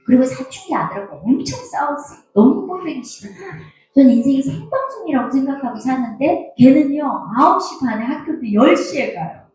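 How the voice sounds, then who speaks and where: A middle-aged woman giving a personal testimony in church, telling her story in an animated way and acting out the quarrels, in a very echoey hall with faint music. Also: sits high, fairly quick.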